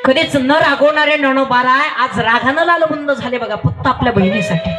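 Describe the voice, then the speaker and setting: A man's voice: extremely high pitch, brisk. Emphatic sing-song male preacher. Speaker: kirtan preacher. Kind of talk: devotional sermon with storytelling. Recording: roomy echo with live music behind.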